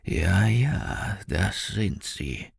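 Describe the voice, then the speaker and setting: A man doing a slow, tired old man. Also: low-pitched, lively intonation, gravelly, breathy edge, exaggerated voice. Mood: weary. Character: frail, weary old man, resigned and gentle.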